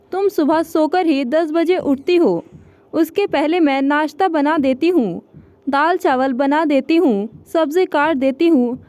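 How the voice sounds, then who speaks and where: A woman's voice: high voice, no room sound. A woman voicing a patient, pious mother-in-law. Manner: pleading, gently complaining.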